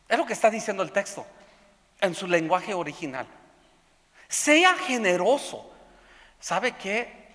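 A man preaches in a church sanctuary, his bright voice rising to loud emphatic peaks and sinking into hushed stretches. He often repeats words as he searches for the next thought. The sound carries a long hall reverb. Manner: swings between loud emphatic outbursts and hushed low passages. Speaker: pastor. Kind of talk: sermon.

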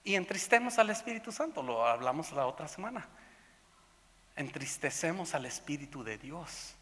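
A man preaches in a church sanctuary, his bright voice rising to loud emphatic peaks and sinking into hushed stretches. He often repeats words as he searches for the next thought. The sound carries a long hall reverb. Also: sing-song, moderate pace. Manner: swings between loud emphatic outbursts and hushed low passages. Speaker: pastor. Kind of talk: sermon.

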